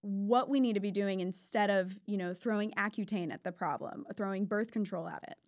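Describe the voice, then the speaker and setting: A woman's voice: mid-range voice, a little fast, no echo. A woman in her twenties hosting a podcast, chatting in a bubbly, gushing way from a small studio. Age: 20s. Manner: bubbly, gushing, animated hand gestures. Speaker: podcast host. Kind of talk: casual chat. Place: small studio with foam panels. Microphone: studio mic with headphones.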